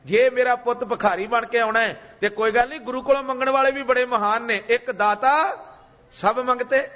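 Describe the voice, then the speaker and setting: High-voiced Punjabi preacher in an echoing hall. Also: male voice, muffled recording. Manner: preaching, calls on the congregation to repeat lines. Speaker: Sikh preacher giving katha. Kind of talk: sermon with sung scripture.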